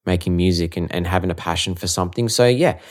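Male musician guest, Australian accent, low voice, casual easygoing conversational delivery. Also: fast talker. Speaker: musician being interviewed. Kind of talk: casual chat.

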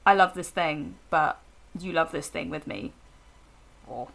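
A woman co-hosts a podcast with a gravelly, fry-edged voice. She talks in loose, animated chat that rambles and restarts as she thinks aloud. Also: deep voice, measured pace. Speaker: podcast co-host. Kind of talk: casual chat.

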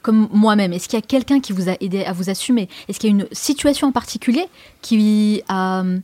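A woman's voice: mid-range voice, brisk, mellow, no room sound. A woman hosting an interview, asking enthusiastic, leading questions. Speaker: interviewer, host.

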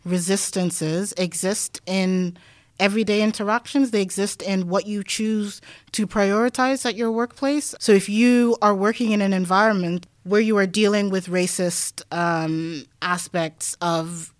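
A woman guest scholar who grew up in Denmark, talking through her ideas in a relaxed podcast interview, thinking aloud with many "like"s and "um"s and the odd wry laugh. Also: mid-range voice, measured pace, dry recording, studio quality. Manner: reflective, thinks aloud with frequent "like" and "um"; laughs easily, wry asides.

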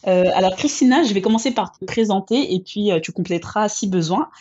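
Husky-voiced upbeat woman podcast host. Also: mid-range voice, expressive, a little fast, a little mellow, muffled recording. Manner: fluent and upbeat, with some fillers. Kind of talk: podcast intro and interview.

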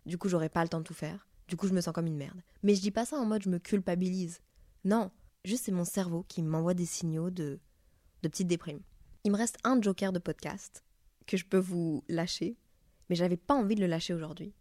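Casting note: young French woman, podcast host, chatty and candid, mellow low voice, dry close sound. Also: brisk, no echo. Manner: chatty, candid, swears freely. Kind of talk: casual confessional podcast monologue.

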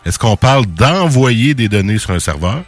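A man with a Québécois accent hosting a quiz on a radio show, playful and animated. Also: mid-range voice, normal speed, faint music behind. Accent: Québécois French. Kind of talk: casual radio quiz banter.

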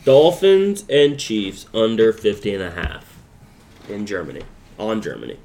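A man co-hosting a casual football podcast, loud and jokey as he trades picks. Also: lowish voice, lively intonation, unhurried. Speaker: podcast co-host.

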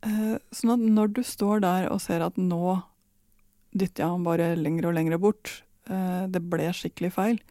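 Calm, dark-voiced woman explaining. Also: fairly low pitch, no echo, studio quality. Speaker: parenting expert guest. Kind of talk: calm advice in conversation.

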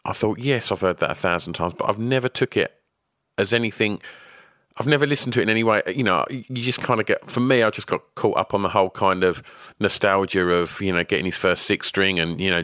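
A man's voice: on the low side, pushed and bright, dry recording, studio quality. A man hosting an interview in a casual, conversational way with informal phrasing. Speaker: interviewer, host.

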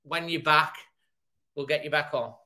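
A man's voice: fairly high pitch, normal speed, bright, forceful tone. A man hosting a casual fan chat show, friendly and chummy with his guests. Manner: chummy, calls guests mate.

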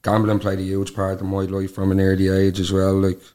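A man in his twenties with a Dublin accent speaks in a low voice that stays very flat. He talks colloquially as an interview guest, peppering his speech with little tag phrases. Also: a little fast. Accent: Dublin Irish. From Dublin, Ireland. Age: 20s. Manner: colloquial, peppered with "like" and "you know what I mean". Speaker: podcast guest. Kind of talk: casual personal interview.

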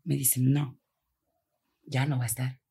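A Mexican woman, a foundation founder, telling a story in an interview and acting out the dialogue with lively voices. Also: rumbling low, a little slow, vocal fry, breathy edge. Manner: animated, acts out quoted dialogue.

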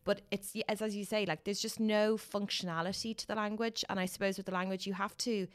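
A woman's voice: mid-range voice, fairly even intonation, fairly quick, clean tone, no room sound. A woman with an Irish accent, speaking casually as a podcast host. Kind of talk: casual conversation.

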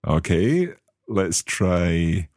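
A man hosting a language lesson podcast, trying out phrases slowly and asking curious questions. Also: deep voice, big pitch swings, a little mellow, no room sound, studio quality. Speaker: language course host.

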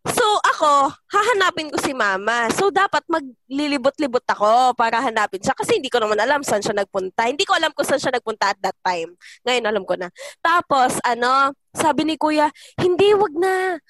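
A young woman telling a story in casual chat with friends, animated, laughing and acting out shouts. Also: high-pitched, fairly quick. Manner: animated, laughs often, acts out shouts and voices in her stories. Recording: noticeable background noise.

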